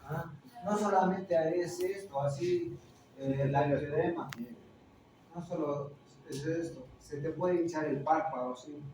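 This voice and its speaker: A man's voice: on the high side, a little slow. Echoey lecturing man with Peruvian accent. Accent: Peruvian Spanish. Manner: explanatory, quizzes students with tag questions. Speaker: teacher. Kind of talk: classroom lecture. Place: classroom. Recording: echoey room, distant mic, faint noise.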